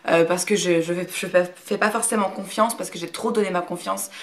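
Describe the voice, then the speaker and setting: A YouTuber in her thirties from Brittany, France, answers a question tag in casual talk to camera, frank yet reserved. Her voice is on the low side, brisk and fairly even in intonation, and she hesitates a lot with many fillers and restarts.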